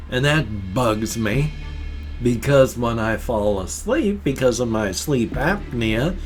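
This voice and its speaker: Older man talking around loose dentures. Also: mid-range voice. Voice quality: slightly slurred speech around ill-fitting loose dentures. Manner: halting, repeats and corrects words. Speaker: vlogger. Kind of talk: casual personal monologue to camera.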